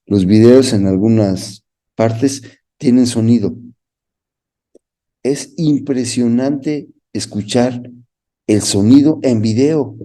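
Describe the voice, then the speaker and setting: A Bible course teacher with a Mexican Spanish accent gives a Bible teaching talk, reading scripture aloud and asking the listener questions. His medium-pitched voice has a dark tone, and he takes it slowly with frequent pauses.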